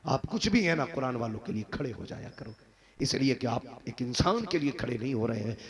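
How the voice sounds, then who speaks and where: Gravelly, fervent male preacher. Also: lively intonation, brisk, crowd noise. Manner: impassioned, swinging from loud exhortation to low earnest tones. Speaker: Islamic preacher. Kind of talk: fervent religious sermon. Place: madrasa gathering.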